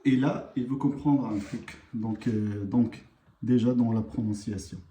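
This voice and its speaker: A man teaching a live online language lesson, unhurried and hesitant, with many pauses and fillers. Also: mid-range voice, fairly even intonation, dark tone, echoey room, a little hiss or hum.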